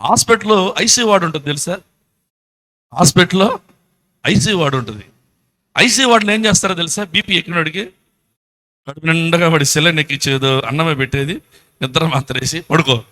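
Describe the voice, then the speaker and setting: A man with a Telugu accent preaches in church. His voice sits high and sounds bright. He tells the story with animation, throws rhetorical questions at the listeners and slips into acted voices. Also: a little fast, pauses often. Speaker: pastor. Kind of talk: sermon.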